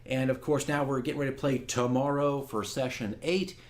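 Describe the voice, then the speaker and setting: Speaking at a brisk clip in a mid-range voice with fairly even intonation, a dungeon master shares a campaign diary with viewers. He talks candidly and casually, earnest and a bit self-critical in a conversational way.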